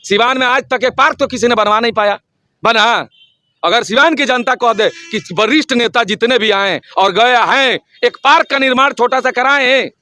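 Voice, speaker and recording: A man from Bihar, a local election candidate giving an impassioned campaign interview, forceful and rhetorical, hammering his slogans again and again. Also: very high voice, moderate pace, no room sound. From Siwan district, Bihar, India.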